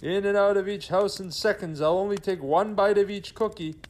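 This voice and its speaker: A man's voice: high voice, fairly even intonation, normal speed, lightly acted. A man playing a bewildered old Santa Claus in a comedy sketch, exclaiming in confusion. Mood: baffled.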